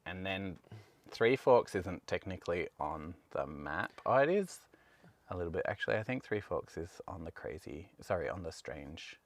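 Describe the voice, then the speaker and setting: A young man with a very low, deep voice co-hosts a podcast. He tells stories in an easygoing, descriptive way. The recording is close and dry. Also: moderate pace, dry recording. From Australia. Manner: relaxed, descriptive storytelling. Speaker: podcast co-host. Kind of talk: casual chat.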